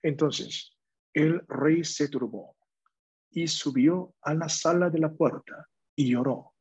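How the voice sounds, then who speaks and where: A man preaching a sermon in a church, reading Bible verses slowly and deliberately. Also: fairly high pitch, a little mellow, breathy edge. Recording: dull, lo-fi dry recording.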